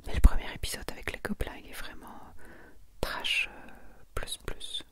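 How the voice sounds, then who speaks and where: An ASMR creator, a woman, walks viewers through her manga collection in a soft, hushed whisper. She takes her time, reading bits aloud and commenting on them.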